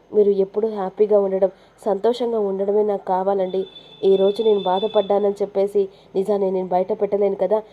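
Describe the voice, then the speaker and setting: A woman voicing a gentle, devoted middle-aged wife who reassures her husband softly. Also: mid-range voice, narrow, tinny audio, lightly acted.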